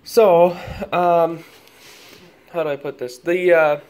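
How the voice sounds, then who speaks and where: A man's voice: a little high, fairly even intonation, slow, darkish tone, a little hiss or hum. A man casually explaining his deck repairs while walking around his yard outdoors, rambling with plenty of ums and restarts. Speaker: homeowner vlogger. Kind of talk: casual walkthrough vlog. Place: backyard outdoors.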